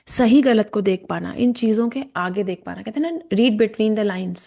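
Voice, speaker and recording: Calm woman guiding a meditation, gravelly edge. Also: mid-range voice. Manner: calm, slow guiding with soft whispered chants. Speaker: meditation and chakra teacher. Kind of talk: guided meditation with chanting. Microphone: camera and mic in front of her.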